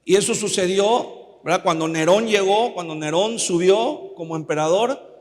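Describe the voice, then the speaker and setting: A pastor preaching a sermon in a conversational way, often asking the congregation for agreement. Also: male voice, sits high, normal speed. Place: church. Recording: long reverb of a church hall.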